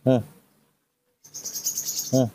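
A man vlogging outdoors while caring for a baby monkey, talking gently to it in cooing baby talk and chatting casually to his viewers. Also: extremely slow. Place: outdoors by a house.

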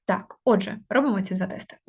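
A woman teaching an online grammar lesson. She explains step by step with many hesitation fillers and slows down to spell out example words. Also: mid-range voice, creaky, darkish tone, slightly rough.

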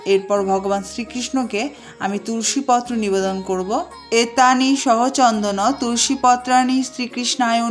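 A woman calmly narrating a step-by-step home worship ritual, slowing down to chant short mantras. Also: mid-range voice. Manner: calm, even narration with slow chanted mantras. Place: home shrine, indoors.

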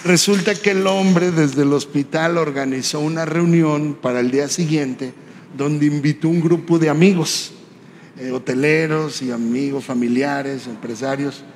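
A man preaching a sermon, telling a personal story in a conversational way and often tagging his lines with a quick question. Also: a little high, steady tone, darkish tone. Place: church hall. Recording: reverberant church hall, faint background noise.

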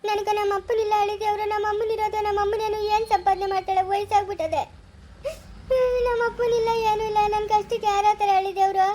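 A woman's voice: very high voice, little pitch movement, fast talker, dark tone, slight background noise. A woman playing a poor, aging mother-in-law who begs through tears, with a Chikkaballapur Kannada accent. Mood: tearful pleading. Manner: tearful, begging, repetitive. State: crying.

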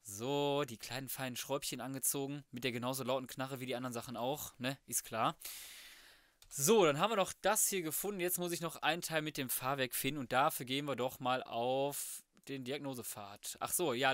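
A young let's player with a mid-range, fairly bright voice comments casually on his gameplay at a brisk pace. He thinks aloud, muttering to himself in slangy, colloquial speech, recorded cleanly in a studio with no room sound.

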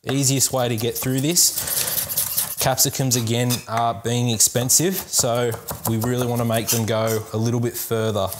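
A young man who is a cooking show host and sports dietitian leads a cooking lesson in a home kitchen, chatting casually and upbeat with viewers while chopping vegetables. His voice is mid-range, a little slow, and flat in delivery. Knife chopping and clinking dishes fill the background.

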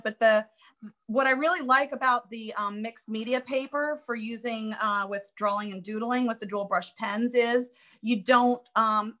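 An art instructor from Florida leads a live online drawing class, chatty and upbeat as she thinks aloud while working. Her fairly high, slightly bright voice is a little raspy from allergies.

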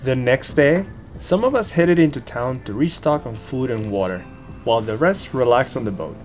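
A man's voice: mid-range voice, lively intonation, moderate pace, darkish tone, slight background noise. A young man narrating his sailing trip for a travel vlog in an easygoing, upbeat way. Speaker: travel vlogger. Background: background music.

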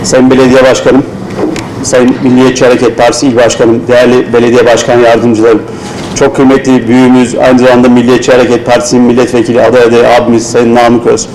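A man's voice: mid-range voice, monotone, fast talker, darkish tone, slight background noise, low-quality recording. Man speaking formally at a pulpit mic. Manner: formal, consoling, addresses dignitaries by title. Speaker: local official giving a ceremony speech. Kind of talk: formal ceremonial speech. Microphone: speaking at a pulpit microphone.

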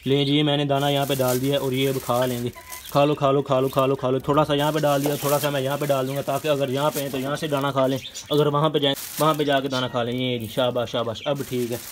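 A man, narrating a casual pet vlog outdoors and coaxing his birds with quick repeated calls. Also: mid-range voice, flat delivery, slight background noise. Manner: fast, chatty, coaxing animals with repeated calls. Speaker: pet vlogger. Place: outdoor yard with bird cages, aircraft passing overhead.

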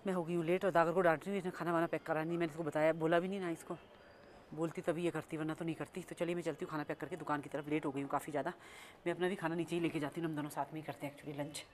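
Very fast and low-pitched, her steady voice carries a slight hiss or hum. The woman, a family vlogger, rambles and scolds through casual narration filmed on a phone camera at home and outside.

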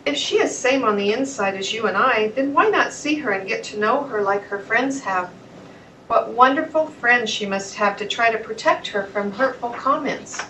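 A woman voicing a calm, wise old male turtle in a children's storybook, asking gentle, unhurried questions. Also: on the high side, roomy sound, distant mic, a little hiss or hum, poor audio.

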